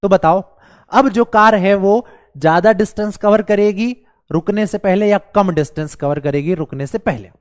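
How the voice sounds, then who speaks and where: Speaking at a normal speed in a high voice, this male teacher leads a live online class with a Bihari accent. His throat is hoarse from a cold and he coughs, yet he stays playful, coaxing the kids and asking questions again and again.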